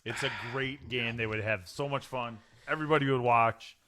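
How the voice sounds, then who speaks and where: Man, casual sports podcast co-host, bright forceful voice, playful, insistent. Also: fairly even intonation, moderate pace, slight background noise. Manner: insistent, playful, pitches ideas.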